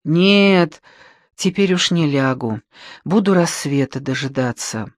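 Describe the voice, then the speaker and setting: A man reading the part of an anxious young woman who speaks in a soft, pleading way. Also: a little high, animated, slow, dry recording, clean studio sound.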